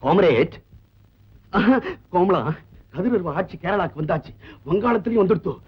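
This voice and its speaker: A man's voice: high voice, lively intonation, moderate pace, slightly rough. An actor playing a pompous husband who keeps switching political parties, speechifying in a 1970s film comedy. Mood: boastful. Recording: dull old film soundtrack.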